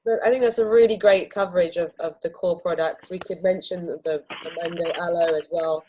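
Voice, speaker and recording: A woman's voice: on the low side, fairly even intonation, fairly quick, darkish tone, poor audio. A woman hosting a sales training video, talking enthusiastically and persuasively and acting out little exchanges with customers. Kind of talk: training talk.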